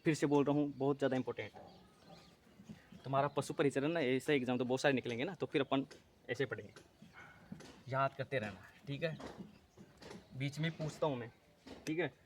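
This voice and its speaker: A man's voice: mid-range voice, fairly quick, pauses often, slight background noise. Male teacher drilling quiz-style questions. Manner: drills with repeated questions and answers; mixes Hindi with English terms. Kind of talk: exam-prep lecture.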